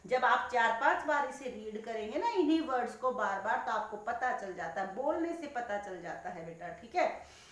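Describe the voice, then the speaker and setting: A woman's voice: a little high, lively intonation, moderate pace, a bit bright. A woman teaching young children patiently, checking in again and again that they follow and calling them "beta". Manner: patient, repeats "theek hai?" and calls pupils "beta". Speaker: primary school teacher. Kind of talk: explaining a lesson to young children. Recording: very echoey room, voice far from the mic.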